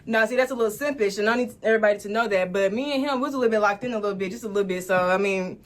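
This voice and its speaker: A woman in her twenties telling a story to camera, animated and laughing as she talks straight to viewers. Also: fairly high pitch, racing, over music. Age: 20s.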